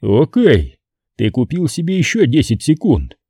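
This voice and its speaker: A man's voice: on the high side, huge pitch swings, a little slow, warm tone, husky, no room sound, studio quality, pitched above the performer's own voice, full character voice. A man voicing a cold, ruthless vigilante who speaks in terse threats.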